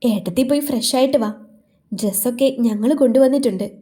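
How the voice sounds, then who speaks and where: A woman voicing a tender young man, the hero of a storybook romance, speaking gently and fondly. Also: fairly high pitch, quick pace, close to an everyday voice. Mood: affectionate.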